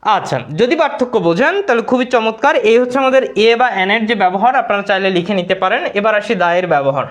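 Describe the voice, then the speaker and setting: A man's voice: high voice, expressive, fast talker, fairly bright tone. A man with a Bangladeshi Bengali accent teaching English grammar in a live online class, repeating words and answering his own questions.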